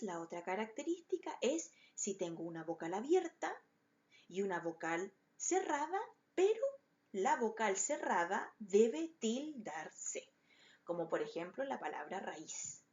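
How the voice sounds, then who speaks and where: A woman teacher talks slowly and patiently, leading young pupils through the lesson one step at a time. Her pitch rises and falls a great deal as she stresses each point. The recording sounds slightly muffled and dull. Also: darkish tone. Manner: patient, explains step by step to children. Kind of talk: recorded online class.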